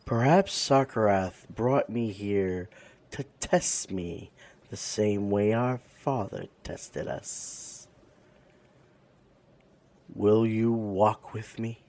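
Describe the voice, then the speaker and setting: Grave guy reading out game quest lines, lowish voice, really unhurried. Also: a little mellow. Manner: grave, solemn. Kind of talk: dramatic scripted reading.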